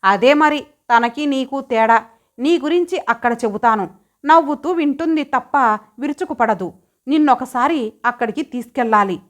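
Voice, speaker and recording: A woman's voice: high-pitched, lively intonation, moderate pace. A woman voicing a mischievous young husband in light, bantering speech, barely changing her own voice. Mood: teasing.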